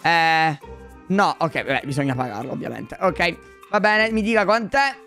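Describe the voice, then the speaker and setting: A man in a Minecraft role-play, playing a father, talking in an excitable, flustered way full of exclamations. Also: a little high, a little slow, soft background music.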